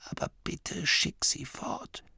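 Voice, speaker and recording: A man voicing a frail, dying old gnome abbot who can barely speak above a breathy whisper. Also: takes it slowly, pushed and bright, dry recording. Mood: weary. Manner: faint breathy whisper, weary and dry-witted.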